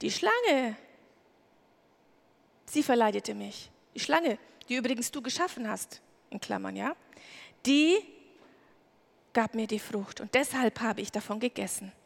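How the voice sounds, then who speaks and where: A woman's voice: a little high, expressive, normal speed, vocal fry, pauses often. A woman preaching a sermon, retelling a Bible story vividly and acting out the characters' lines. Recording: long hall reverb.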